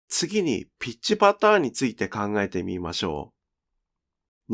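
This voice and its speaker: A man teaching Japanese pronunciation in a clear, deliberate, teacherly way. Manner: slow, clear, teacherly with lively pitch. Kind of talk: scripted lesson narration.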